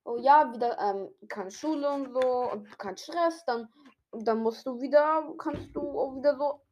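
A woman's voice: high voice, measured pace, darkish tone, slight background noise. A teenage girl chatting casually, rattling through this-or-that questions with blunt opinions and slang. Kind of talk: casual this-or-that chat.

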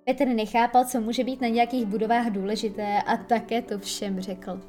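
A woman reads a children's audiobook in a gentle, storytelling way. Her voice sits fairly high, and soft music plays faintly underneath. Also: flat delivery. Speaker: narrator.

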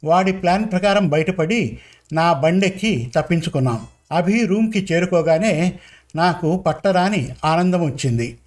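A man narrating a first-person story in a measured, conversational storytelling manner. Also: high-pitched, lively intonation.

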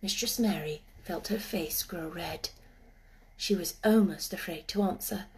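A woman narrating a classic children's story in a gentle, measured reading voice. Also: lowish voice. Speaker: audiobook narrator.

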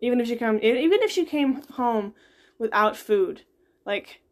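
A woman in her twenties co-hosting a podcast, reading a novel aloud and breaking off to chat casually, giggly and quick to interrupt herself. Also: a little high, lively intonation. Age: 20s. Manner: chatty, giggly, self-interrupting. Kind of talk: casual book-club chat and read-aloud.

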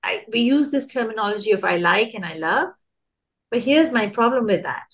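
Animated woman acting out scolding adults. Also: a little high, moderate pace. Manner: animated, acts out adults' scolding lines in a raised voice. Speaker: guest, early childhood education speaker. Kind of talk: conversational podcast interview.

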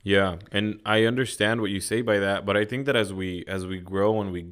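A man's voice: on the low side, fairly even intonation, brisk, a bit bright, smooth. A man in casual podcast chat, emphatic and full of "like", with some swearing. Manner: emphatic, frequent filler "like", occasional swearing. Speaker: podcast co-host.

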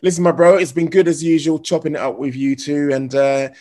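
A man hosting a casual podcast, asking questions in a relaxed way with frequent pauses. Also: fairly high pitch. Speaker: podcast host.

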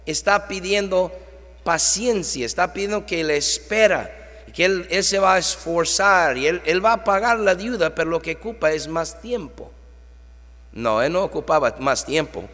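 A man with a high voice delivers a sermon from the pulpit. He reads scripture aloud and his volume swells and drops as he preaches. The sound rings out with a long reverb from the hall. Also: fairly bright tone. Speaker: pastor.

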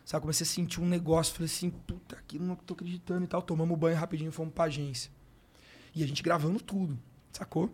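A man's voice: on the high side, steady tone, fast talker, darkish tone. Slangy Brazilian man telling a story. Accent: Brazilian Portuguese. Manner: slangy, emotional, frequent filler words like "cara" and "brother". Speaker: podcast guest, sports coach. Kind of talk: casual storytelling.

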